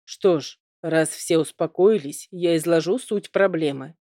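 A woman's voice: sits low, a little slow, mellow, no echo, clean studio sound. A woman reading an audiobook, voicing a weary middle-aged king who talks patiently.

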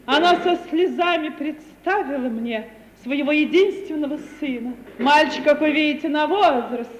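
A high-pitched, natural-sounding actress voices a self-righteous, self-pitying middle-aged widow who owns land, pleading in a theatrical, affected style through long self-justifying speeches. It's 1950 radio acting of a Russian stage comedy, captured in a noisy recording from an echoey hall.

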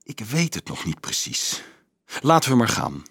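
A man's voice: very animated, moderate pace, creaky, fairly bright tone, husky, no room sound, studio quality, full character voice. A man doing a stubborn, brooding teenage boy. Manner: low, stubborn, thoughtful.

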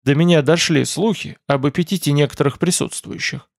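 Formal courteous lord, read by a man, gravelly voice, dry sound. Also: a little high, a little fast, no echo. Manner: formal and polite. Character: courteous, curious lord of a nonhuman race.

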